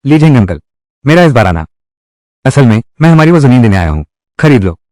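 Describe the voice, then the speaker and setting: Lively man reading a dubbed drama. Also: mid-range voice, fairly quick, no room sound, clean studio sound. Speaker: voice-over reader of a dubbed drama. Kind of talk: reading every character's lines in one voice.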